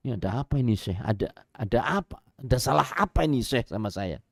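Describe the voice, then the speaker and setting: A man's voice: mid-range voice, lively intonation, a little fast, creaky, no room sound, clean studio sound. A man voicing a worried male security guard who pleads anxiously.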